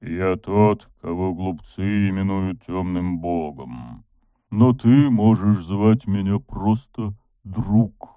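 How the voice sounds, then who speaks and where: A sealed ancient dark god, put on by a man reading a storybook, speaks as a disembodied voice out of the blackness. The voice is very deep and rumbling, unhurried and drawn out, soft yet sinister. It comes through thin and tinny, like a narrow phone-line filter. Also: smooth, no echo. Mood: soothing. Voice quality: low, rolling, rumbling. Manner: slow, soft, coaxing. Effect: disembodied voice from the darkness, filtered and distant. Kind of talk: audiobook fantasy narration.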